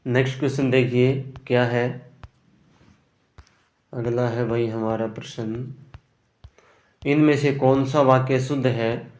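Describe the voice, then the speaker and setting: Man, Hindi grammar teacher, very slow, roomy echo. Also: medium pitch, steady tone, a little mellow. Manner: explains answer options slowly, often adds "ठीक है ना". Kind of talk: exam prep lesson.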